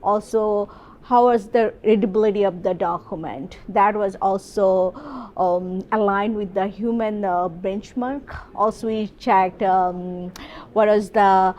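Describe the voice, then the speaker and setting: A woman's voice: mid-range voice, fairly even intonation, takes it slowly, a little mellow, highs cut off. Hesitant woman researcher. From Bangladesh. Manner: hesitant, many fillers and restarts. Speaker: professor and AI researcher. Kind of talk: conference interview.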